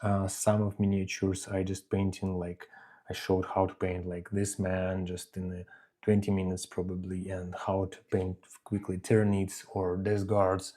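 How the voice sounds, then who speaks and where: A man from Ukraine with halting English and many fillers, chatting casually on a live painting stream. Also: low voice, warm tone. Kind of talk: live-stream hobby chat. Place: home hobby desk.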